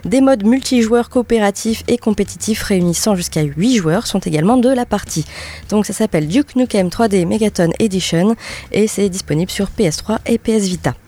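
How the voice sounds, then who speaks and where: A woman's voice: medium pitch, fairly quick, warm tone. A woman hosting a radio show in a studio, chatting casually, laughing often and using many fillers.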